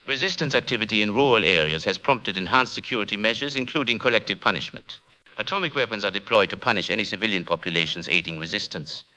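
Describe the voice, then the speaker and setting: Man playing a clipped authoritarian radio announcer, rapid delivery, bright hard tone, lowish voice. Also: rough recording. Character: cold male occupation-authority radio announcer.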